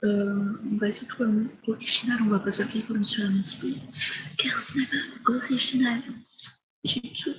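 A teenage girl talks her way through a live mobile game session, rambling with fillers and slipping into soft whispered asides. Her voice sits a little high. The home mic sounds dull and lo-fi, with a faint hiss underneath. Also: steady tone, normal speed. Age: teens. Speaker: livestreamer. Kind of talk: casual live gameplay commentary.

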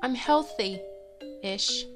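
A woman plays through a game and comments on it, her voice hoarse and rough after being sick. She speaks slowly and in a somewhat high register, breaking into excited exclamations. Faint music plays under her voice. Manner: excitable, giggly, reacts with loud exclamations. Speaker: gaming video host. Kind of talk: let's play commentary.

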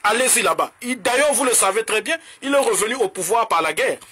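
A political commentator from the Republic of the Congo, with a Congolese French accent, rants heatedly to camera, combative and mocking as he switches languages in rapid bursts. His voice sits high and is expressive and sharp, with a breathy edge.

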